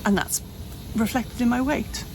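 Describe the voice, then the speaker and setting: Speaking at a measured pace in a voice on the high side, a woman of fifty-eight records a frank personal vlog in a hot room at home. She wanders, restarts, and corrects herself often, over a noisy background.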